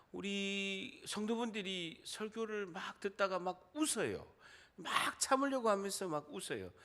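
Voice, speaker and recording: A middle-aged man from Busan with a Gyeongsang accent, preaching a sermon as pastor, quizzing the congregation and joking. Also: fairly high pitch. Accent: Gyeongsang dialect. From Busan, South Korea. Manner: animated, quizzes the congregation and jokes.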